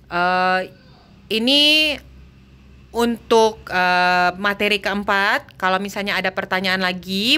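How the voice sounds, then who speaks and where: A woman teacher wrapping up a language lesson, friendly and relaxed with a few hesitant fillers. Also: medium pitch, clean tone. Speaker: Mandarin teacher. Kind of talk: online lesson.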